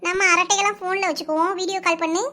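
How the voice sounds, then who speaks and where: A woman voices village women in a Kanyakumari Tamil accent, with a very high, bright, sharp tone. She talks quickly and bossily, like brisk village chatter in a cartoon. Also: fairly even intonation. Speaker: cartoon voice artist. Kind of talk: cartoon voice acting.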